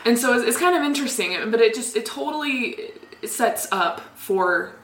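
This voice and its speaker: A woman's voice: on the high side, expressive, moderate pace, a little hiss or hum. Chatty woman podcaster in an echoey room. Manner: chatty, laughs often, many "like" fillers. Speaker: podcast co-host. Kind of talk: casual chat. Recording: echoey room with faint ambience.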